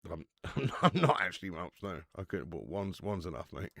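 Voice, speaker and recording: A man's voice: sits low, big pitch swings, moderate pace, gravelly, fairly bright tone, no echo. A man, hosting a football watch-along and bantering with chat, laughing and swearing freely. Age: 30s. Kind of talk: casual live-stream chat.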